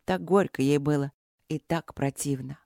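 A woman giving steady, scripted narration of an audiobook. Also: low voice, normal speed, creaky, no room sound, studio quality.

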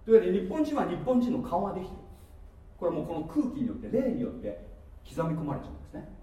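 A man preaching a sermon, playful and animated, with asides and laughter, recorded from a distance in a church hall. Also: high voice, rapid-fire. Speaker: pastor. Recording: echoey hall from far off with faint noise.

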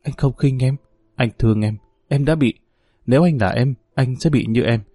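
A man's voice: mid-range voice, normal speed, mellow, no room sound, studio quality, lightly acted. A man voicing an anguished young male prisoner who speaks with passion and pleading. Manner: impassioned, pleading.

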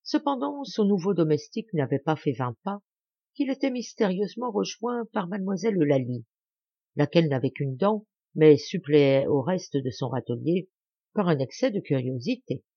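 Expressive woman reading an audiobook. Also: low voice, moderate pace, husky, dry recording, muffled recording. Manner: expressive, lively character reading. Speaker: audiobook narrator. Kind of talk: audiobook reading of a classic tale.

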